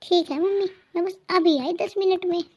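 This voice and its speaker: A woman voicing an eager young married daughter in a cartoon family drama, talking in a chirpy, excited way. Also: very high voice, normal speed.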